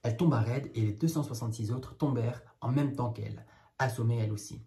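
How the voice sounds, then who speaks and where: Man, storyteller, read-aloud children's tale, wry casual asides, dark mellow tone. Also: medium pitch, fast. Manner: casual, wry commentary between passages.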